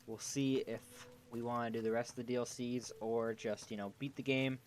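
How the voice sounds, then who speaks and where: A man's voice: mid-range voice, little pitch movement, moderate pace, a little mellow. A man talking casually over livestream headset audio as he plays a game, rambling and thinking aloud. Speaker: streamer. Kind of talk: casual gaming livestream commentary. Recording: clear background noise.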